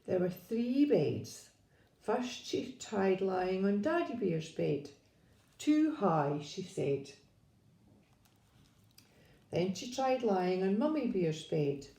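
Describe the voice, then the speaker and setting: Slow, expressive woman reading a storybook. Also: mid-range voice, vocal fry. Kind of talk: children's story read-aloud. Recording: echoey room.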